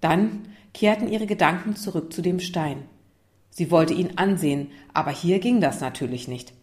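Brief: woman narrator, children's story, calm, slightly low voice. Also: normal speed.

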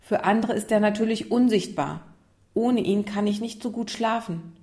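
A woman's voice: medium pitch, normal speed, a little mellow, voice pushed up, lightly acted. A woman doing a dreamy little girl. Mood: wistful. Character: dreamy young schoolgirl who lost her stone.

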